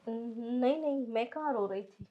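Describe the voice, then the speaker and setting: An actress playing a hurt young wife who speaks softly and hesitantly. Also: female voice, fairly high pitch, a little slow, narrow, tinny audio. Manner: soft, hesitant, subdued. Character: hurt, gentle young wife holding back tears. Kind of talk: scripted family drama acting.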